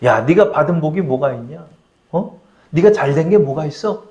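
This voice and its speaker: A man's voice: on the high side, lively intonation, moderate pace, darkish tone, highs cut off, pitched below the performer's own voice. A male pastor voicing the devil as a sly tempter who mocks and sows doubt. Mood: taunting. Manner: mocking, whispering doubts.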